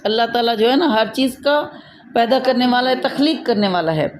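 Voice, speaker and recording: A woman's voice: a little high, expressive, slight background noise. A woman with a Pakistani Urdu accent teaching a Quran recitation lesson to a student, patiently explaining and checking that she understands.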